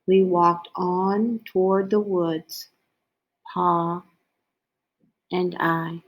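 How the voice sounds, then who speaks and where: A woman reading a children's picture book aloud as a storyteller, in a deliberate way. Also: on the low side, fairly even intonation, low-quality recording.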